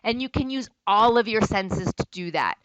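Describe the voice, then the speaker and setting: A woman's voice: medium pitch, expressive, normal speed, fairly bright tone, smooth, no echo, lo-fi sound. Woman teacher talking through a lecture, chatty and explaining, dead dry sound. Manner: conversational and explanatory. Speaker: college instructor. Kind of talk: recorded lecture.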